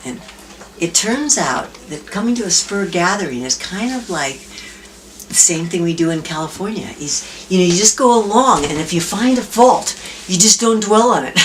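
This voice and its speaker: A cheerful older woman telling family stories and jokes at a reunion, laughing often. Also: lowish voice. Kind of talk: casual storytelling with jokes. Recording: distant mic with faint background noise.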